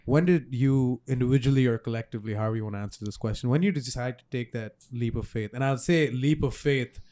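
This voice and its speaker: A man's voice: mid-range voice, quick pace, mellow. A man hosting a casual interview with a band. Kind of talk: casual chat.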